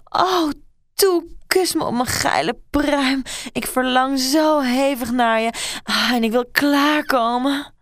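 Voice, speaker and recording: Brief: a woman playing a young woman, high, loud and breathless, pleading. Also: slow pace, no echo, studio quality.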